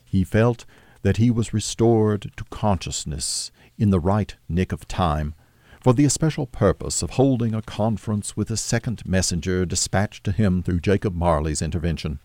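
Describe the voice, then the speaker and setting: Deep-voiced man narrating a classic tale. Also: no echo. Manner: measured, steady storytelling. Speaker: audiobook narrator. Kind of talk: scripted narration of a classic novel.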